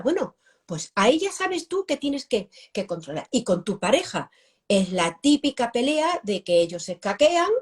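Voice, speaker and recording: Lively Spanish woman in her fifties, animated. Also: on the high side. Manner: animated, repeats phrases, acts out examples. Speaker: guest pedagogue. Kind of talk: live-stream interview answer.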